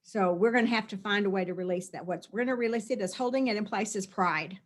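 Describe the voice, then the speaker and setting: A middle-aged spiritual teacher speaks quickly at a medium pitch. She earnestly leads a release session and often repeats phrases or runs through lists of them.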